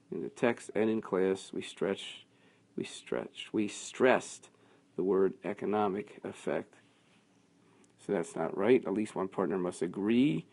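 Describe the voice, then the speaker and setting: A man teaching a class, working through quiz answers out loud in a conversational way. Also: lowish voice. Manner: thinking aloud, conversational, with fillers.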